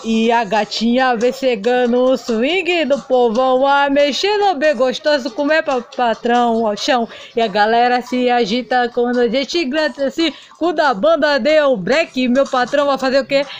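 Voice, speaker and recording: A woman's voice: a little high, lightly acted. A woman voicing a heartbroken male doll singer in a toy play video, melodramatic and sing-song.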